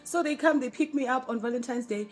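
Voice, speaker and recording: A woman's voice: high-pitched, quick pace. A South African woman telling a personal story in a casual vlog. She talks straight to her viewers and laughs often.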